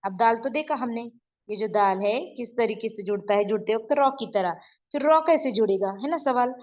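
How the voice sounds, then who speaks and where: Lady teaching script online, patient, keeps checking u get it, voice a bit high, kinda muffled audio. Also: normal speed. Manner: patient, repeats and checks understanding. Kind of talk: explaining while drawing letters on a board. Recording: dull lo-fi sound.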